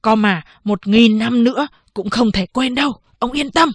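A woman's voice: on the high side, moderate pace, no echo, clean studio sound, lightly acted. A woman voicing a meek male clerk who answers his boss humbly and deferentially. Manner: humble, pleading.

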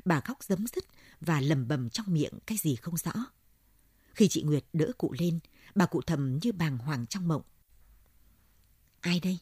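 A woman reads a novel aloud in steady audiobook narration. Her voice is low, dark and husky. The recording is close and dry. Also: measured pace, dry recording. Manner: steady storytelling.

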